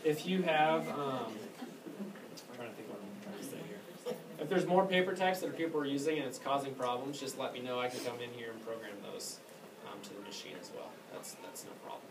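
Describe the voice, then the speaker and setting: A copier technician with a mid-range voice runs a casual, hands-on product training for staff in an indoor room at an elementary school. His explanations are halting and everyday, and he tends to trail off. The recording sounds distant and echoey, with clear background noise.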